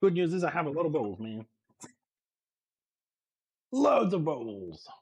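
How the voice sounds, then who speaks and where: A Greek man, whose native language is Greek, chats casually on a live stream while cooking in his home kitchen. His voice is fairly high, a little mellow and breathy, with wildly swooping pitch, a slow pace, and cut-off highs; he is easygoing, laughs often, and lisps slightly in English.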